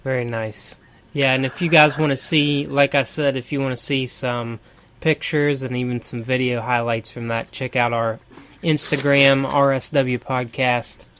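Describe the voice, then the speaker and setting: A young man co-hosts a wrestling podcast, chatting casually and enthusiastically as he picks the match of the week. His voice is medium-pitched, steady, unhurried, a bit bright, and clean in tone.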